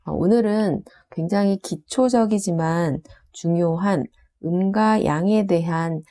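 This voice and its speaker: Female instructor, low warm tone, calm lecture delivery with small fillers. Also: slow pace. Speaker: saju instructor. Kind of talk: lecture on Korean astrology.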